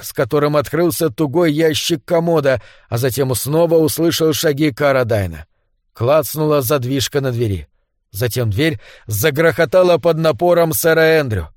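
A man reading a suspense story aloud in a measured, steady manner. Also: medium pitch, no room sound, clean studio sound. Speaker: narrator. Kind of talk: audiobook narration.

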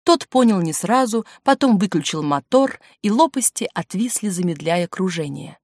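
A woman narrating an audiobook in an expressive storytelling manner, recorded in a studio. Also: medium pitch, moderate pace, dry recording. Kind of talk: scripted narration. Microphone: studio mic.

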